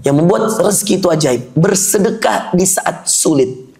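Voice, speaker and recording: A male preacher delivers a sermon in a high voice with a gravelly edge. He keeps the mood light, teasing the crowd and firing questions at them before driving each point home. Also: animated, normal speed, darkish tone. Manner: jokey, teasing, quizzes listeners. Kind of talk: sermon to a live audience.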